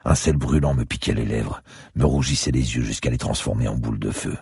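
A man giving grave, steady first-person narration of a dark thriller audiobook. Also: rumbling low, fairly quick, creaky, slightly rough, no room sound, clean studio sound.

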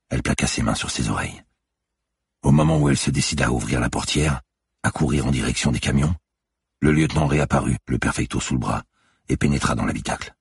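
A man reads a suspense novel aloud in a measured, dark way. His voice is extremely deep and gravelly, with a husky, breathy edge. The sound is close and dry. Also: no echo. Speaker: narrator. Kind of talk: audiobook narration.

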